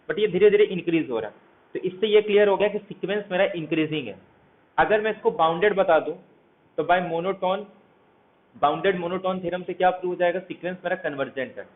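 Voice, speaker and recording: A man teaching a math lecture, walking through each step and asking his students questions as he goes. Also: high voice. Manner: walks through steps, asks students questions. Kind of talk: explanatory lecture. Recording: tinny phone-like audio, faint hiss.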